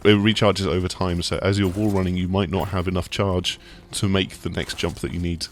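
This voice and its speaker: Deep-voiced man chatting casually. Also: fairly quick, slight background noise. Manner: relaxed, rambling explanations with many fillers and restarts. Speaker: games journalist co-host. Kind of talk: casual gaming discussion.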